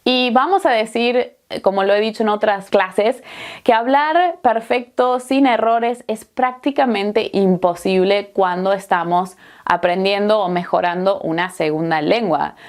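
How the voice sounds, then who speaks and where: A woman from Argentina with an Argentine accent, giving a friendly, encouraging Spanish lesson with a chatty manner and frequent fillers. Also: mid-range voice. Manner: chatty, encouraging, laughs easily, many "eh" fillers. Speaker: Spanish teacher.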